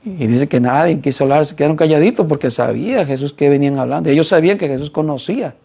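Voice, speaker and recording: A man's voice: high-pitched, creaky, a little mellow. A man preaching a sermon in an earnest way, often putting rhetorical questions to his listeners.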